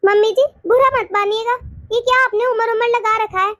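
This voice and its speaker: A woman's voice: very high-pitched, fairly even intonation, brisk, a bit bright, no room sound, studio quality. A woman voicing a polite but firm young daughter-in-law in a cartoon, arguing earnestly and respectfully. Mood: reasoning. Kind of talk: cartoon voice acting.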